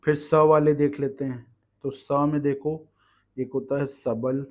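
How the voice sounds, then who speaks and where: Slow-paced male grammar teacher. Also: medium pitch, level tone, a little mellow. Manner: explains patiently, asks "ठीक है" often. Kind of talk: exam-prep grammar lesson.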